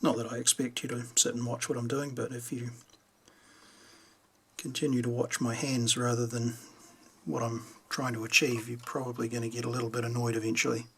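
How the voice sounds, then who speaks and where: A hobbyist radio repairer from New Zealand presents a how-to video, giving unscripted, hands-on commentary and thinking aloud as he works. His medium-pitched voice is a bit bright, a little fast, and shows little pitch movement. Slight background noise is audible.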